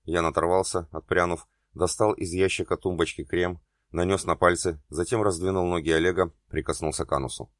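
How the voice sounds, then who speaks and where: A man reading an erotic novel aloud as an audiobook narrator, in a steady, even way. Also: sits low, brisk, no room sound, studio quality.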